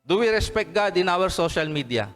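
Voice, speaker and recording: A man's voice: sits high, sing-song, moderate pace, a bit bright, soft background music. A man with a Filipino accent, a pastor preaching a sermon at a worship service, switching between English and Tagalog and calling out "Amen?" to his congregation. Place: church service hall.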